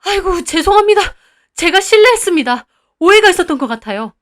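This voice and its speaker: A woman doing a shrill, rude male cafe owner. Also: big pitch swings, fast talker, exaggerated voice. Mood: grovelling. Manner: shrill, loud and snippy, turning to grovelling.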